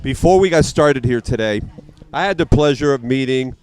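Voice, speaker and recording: A male radio host introducing guests at an outdoor event, speaking slowly and deliberately with pauses. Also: medium pitch, animated, a little mellow, clean tone, soft background music.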